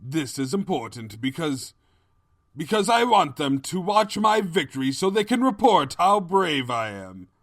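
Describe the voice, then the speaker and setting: A man's voice: fairly high pitch, sing-song, a little slow, fairly bright tone, no room sound, studio quality, pitched above the performer's own voice, heavily acted. A swooping, pompous evil cartoon king, Sombra. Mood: smug, scheming. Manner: theatrical, grandiose delivery. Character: pompous, scheming, cowardly evil pony king, melodramatically fake-grieving.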